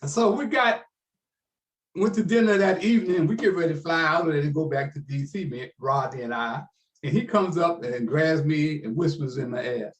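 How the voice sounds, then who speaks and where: An older man, a guest on a talk show, telling an anecdote in a loose, animated way and often tacking on "man". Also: fairly high pitch, normal speed. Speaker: guest, sports broadcaster. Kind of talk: casual anecdotal storytelling.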